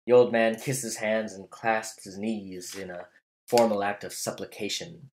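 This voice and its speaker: A man narrating a classical tale in a measured, literary reading style. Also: fairly low pitch, fairly even intonation, darkish tone, a little hiss or hum. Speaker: storyteller. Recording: roomy echo.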